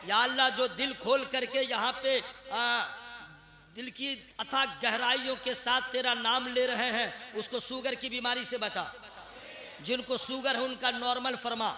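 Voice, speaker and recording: A man preaching at a large religious gathering in a very high, piercing, bright voice. He swings from shouted, chant-like refrains to relaxed, joking banter with the listeners. The sound comes through an echoey public-address system. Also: measured pace. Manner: alternates shouted chanting with chatty joking asides. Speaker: Islamic preacher.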